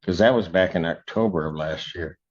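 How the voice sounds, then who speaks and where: A man serving as judge, reading out sentencing and court orders in a measured, formal way, heard in a courtroom recording. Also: deep voice. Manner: measured, formal, with occasional fillers. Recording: dull, lo-fi courtroom audio.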